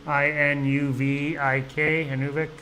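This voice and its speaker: A man's voice: a little high, little pitch movement, measured pace, pushed and bright, slight background noise, rough recording. A middle-aged man from Canada hosting a casual live vlog, rambling along with lots of "you know" and restarts. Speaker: vlog host. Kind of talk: casual live-stream chat.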